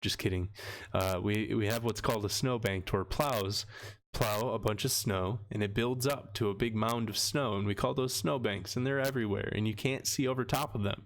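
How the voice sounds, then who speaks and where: A young man chats casually on a livestream from his home, the shelves of books behind him. His voice sits a little low, and he rambles easily and laughs often. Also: moderate pace. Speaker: livestream host.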